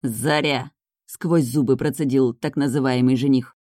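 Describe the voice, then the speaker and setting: Brief: expressive female audiobook narrator, deep, dry studio. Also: brisk, no room sound. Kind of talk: first-person audiobook narration.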